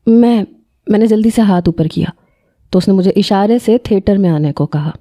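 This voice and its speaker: Brief: woman storyteller, emotional first-person narration, mellow dark voice. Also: mid-range voice.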